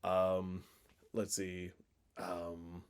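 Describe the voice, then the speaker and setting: A man's voice: low-pitched, completely flat delivery, drawn-out words, clean tone. A man co-hosting a casual podcast, chatty, laughing often and filling his talk with "like". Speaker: podcast co-host. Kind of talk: casual chat.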